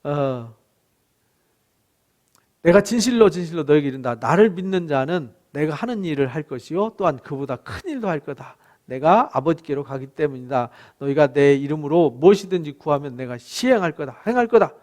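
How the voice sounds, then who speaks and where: Pleading high-voiced male pastor. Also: lively intonation, moderate pace, a little mellow. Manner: pleading, conversational preaching with frequent "eo" fillers; dramatizes God's voice with rising emphatic pitch. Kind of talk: Bible exposition sermon.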